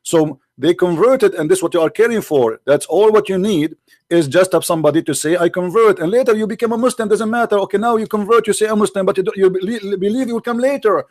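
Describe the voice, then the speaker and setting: A man's voice: high voice, fast talker, a little mellow, no echo. A man hosting a heated religious debate, combative and accusatory, keeping strict time on his opponent. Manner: keeps strict time on the other speaker. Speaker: debate host.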